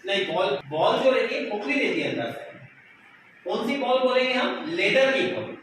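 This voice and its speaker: A very high-pitched, fairly bright male voice belongs to a math teacher who is very animated but speaks at a normal speed. He asks his pupils questions during the lesson and answers them himself, heard from a distance in a noisy, echoey room.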